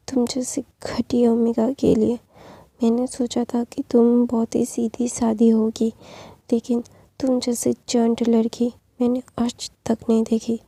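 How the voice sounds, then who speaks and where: A woman's voice: fairly high pitch, vocal fry, mellow, slightly rough, no echo, exaggerated voice. Woman whispering as a possessive young husband. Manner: pleading then menacing. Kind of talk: whispered role-play.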